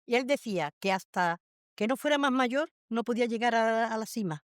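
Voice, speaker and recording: A woman's voice: fairly high pitch, expressive, a little fast, no echo, clean studio sound. A woman speaking admiringly in an interview, addressing someone directly. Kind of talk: interview talk.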